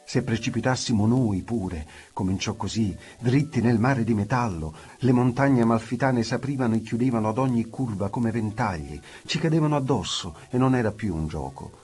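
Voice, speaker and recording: A man's voice: fairly low pitch, darkish tone. A man reads a literary novel aloud in an intimate, reflective voice. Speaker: audiobook narrator. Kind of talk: literary audiobook reading.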